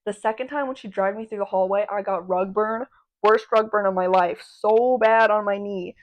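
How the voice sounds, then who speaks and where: A woman's voice: medium pitch, steady tone, a little fast, highs cut off. A young adult woman hosting a podcast, rambling in casual slangy chat, swearing freely and laughing between remarks. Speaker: podcast host.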